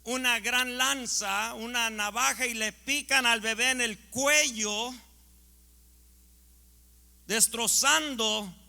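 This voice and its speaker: A male pastor delivers an impassioned sermon at a slow, deliberate pace. His voice sits very high, bright and gravelly. A long hall reverb trails every phrase. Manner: impassioned preaching, swings from loud to hushed. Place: church sanctuary.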